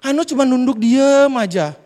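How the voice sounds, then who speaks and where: A male preacher giving a sermon, telling a lively story and talking directly to the congregation. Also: extremely high pitch, moderate pace. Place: church hall. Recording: reverberant church hall.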